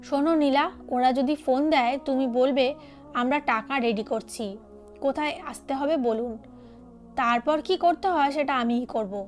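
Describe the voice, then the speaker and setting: Woman reading a caring, determined young man in an audio drama; high voice, earnest. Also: normal speed, soft background music, lightly acted. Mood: concerned. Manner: earnest, protective. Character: concerned young man, protective groom.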